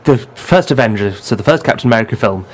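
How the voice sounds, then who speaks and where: A man hosting a casual film podcast, arguing his opinions in quick bursts. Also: lowish voice, lively intonation. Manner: opinionated, fast bursts of argument. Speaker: podcast host. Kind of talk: casual chat.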